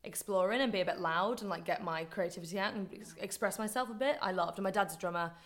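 A woman in her twenties from Liverpool, England, speaks quickly in a mid-range voice with a Scouse accent. Appearing as a podcast guest and campaigner, she chats casually through the interview, using "like" again and again.

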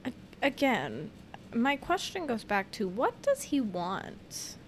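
A woman co-hosts a casual chat, answering her partner's news reading with quick quips and playful questions. Her voice is fairly high and moves a lot in pitch. A faint hiss runs under it. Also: wildly swooping pitch. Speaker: co-host.

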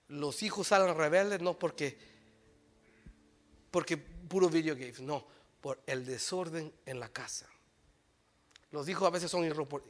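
A man preaching a sermon to his congregation, telling stories and exhorting, swinging from shouts to near-whispers. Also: fairly high pitch.

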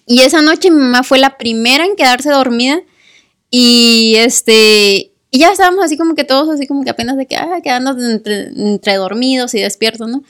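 A woman telling a story in casual podcast chat, animated, acting out family voices and laughing often. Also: sits high, normal speed.

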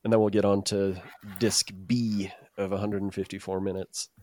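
Low-voiced man, hesitant podcast host. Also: little pitch movement, normal speed, a crowd in the background. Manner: hesitant, rambling, self-deprecating. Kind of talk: casual chat.

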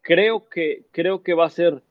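Man, sports commentator guest, lively storyteller, slightly high voice, dull dry sound. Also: takes it slowly, dry recording. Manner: animated anecdote-telling, acts out quotes. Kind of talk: casual interview storytelling.

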